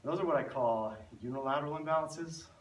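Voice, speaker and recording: A fairly high-pitched, quick-speaking man instructs a spinal stability class, a bit breathless as he explains and demonstrates the moves. The room echoes, the mic sits far away, and there's faint background noise.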